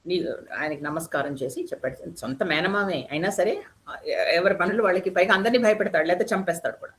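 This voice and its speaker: A woman's voice: on the low side, fairly quick, fairly bright tone, a little hiss or hum. A woman narrating an episode of an old epic for listeners, stopping to explain old words and correcting herself as she goes. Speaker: storyteller. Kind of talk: devotional epic retelling.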